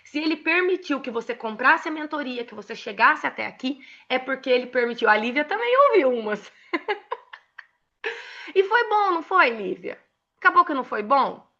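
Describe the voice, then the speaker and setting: Bright-voiced Brazilian woman, emotional storyteller. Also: high-pitched, brisk, highs cut off. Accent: Brazilian Portuguese. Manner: emotional and expressive, laughs often. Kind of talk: casual mentoring talk with personal stories.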